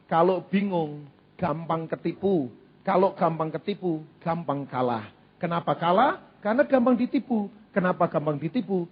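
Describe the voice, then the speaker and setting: Husky, high-voiced man preaching animatedly. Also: moderate pace. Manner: animated preaching with repetition and humor. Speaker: pastor. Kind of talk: sermon. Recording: dull lo-fi church recording.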